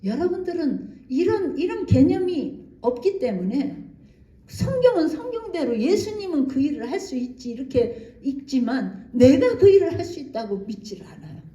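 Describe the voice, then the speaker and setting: A woman's voice: high voice, sing-song, moderate pace, warm tone. A woman missionary giving a special lecture at a church, telling stories animatedly with acted-out quotes. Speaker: missionary speaker. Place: church hall. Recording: echoey church hall.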